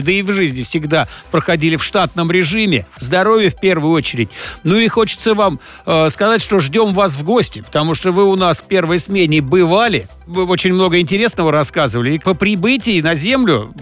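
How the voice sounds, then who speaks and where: A man's voice: on the high side, fairly bright tone. A man hosting a live radio interview in a jocular, conversational manner. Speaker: radio show host.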